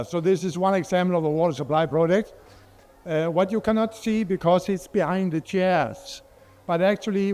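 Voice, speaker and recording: A middle-aged Danish man, whose first language is Danish, speaks English as a non-native speaker at a conference where he presents as a water expert. His voice sits high and a little mellow, and he hesitates a lot, with many fillers and restarts.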